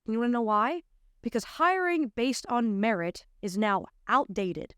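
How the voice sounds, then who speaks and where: In a small indoor studio, a commentator and show host in her twenties, American, voices incredulous, emphatic opinions to camera at normal speed. She sounds very animated and smooth, her voice on the high side, captured by a close arm-mounted studio mic with no room sound.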